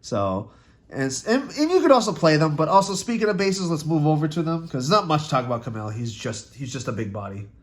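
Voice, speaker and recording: A man's voice: on the high side, very animated, fast. A young man casually walking through a trading card deck, with loose, rambling talk, restarts and frequent swearing. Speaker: card game content creator. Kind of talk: casual deck tech breakdown.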